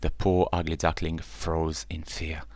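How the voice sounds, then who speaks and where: A man reading a children's bedtime story aloud in a gentle, unhurried way. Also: rumbling low, completely flat delivery, no room sound.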